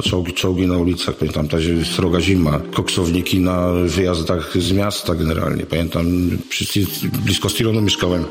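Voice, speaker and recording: A middle-aged man giving a spontaneous oral history recollection, halting and repeating words. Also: deep voice, creaky. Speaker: witness recalling the past.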